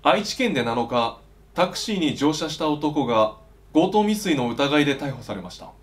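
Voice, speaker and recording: A young man with a slightly higher-pitched voice reads the news as an anchor. His delivery is formal and polite, with measured, scripted phrasing. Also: very animated. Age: young adult. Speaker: newscaster in a parody news show.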